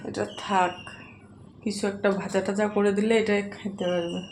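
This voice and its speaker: A woman's voice: medium pitch, flat delivery, moderate pace, darkish tone, slight background noise. A young woman, narrating a casual home vlog while doing chores, chatty and talking to her child. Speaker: vlogger.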